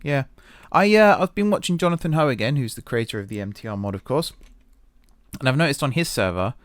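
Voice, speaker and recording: A man's voice: mid-range voice, lively intonation, a little fast, dry recording. A man giving casual gameplay commentary, thinking aloud and a little self-deprecating. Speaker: gaming video host.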